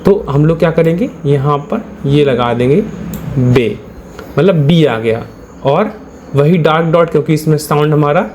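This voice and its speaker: A man teaching a lesson in a patient, step-by-step way, going back over each point and pausing to check that his students are with him. His voice sits a little high for a man. A faint hum of ambient noise runs behind him. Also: darkish tone. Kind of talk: step-by-step classroom explanation.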